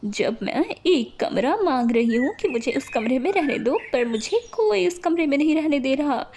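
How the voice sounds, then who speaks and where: A woman's voice: sits high, expressive, moderate pace, darkish tone, a little hiss or hum. Woman voicing an aggrieved young wife. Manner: complaining, raised and upset. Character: elder daughter-in-law, aggrieved and emotional.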